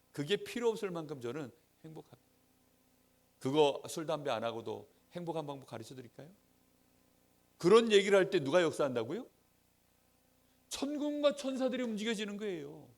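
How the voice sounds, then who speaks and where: Man, Sunday school preacher, high voice, very animated delivery, acts out friends in dialogue. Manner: lively, swings between loud emphatic lines and soft asides. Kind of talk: sermon to young people. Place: church.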